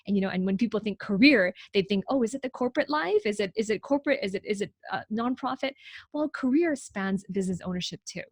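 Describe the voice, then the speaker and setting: A woman's voice: medium pitch, very animated, fast, dry recording. Woman, from Hong Kong, interview guest, upbeat, dry close sound. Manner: upbeat, laughs often, rephrases. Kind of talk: video call interview. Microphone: video call.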